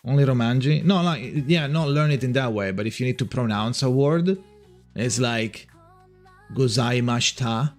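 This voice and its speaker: Speaking with an Italian accent, a livestream host from Italy reads his viewers' chat aloud and talks with them casually, rambling and often starting over. His voice is medium-pitched and a little mellow.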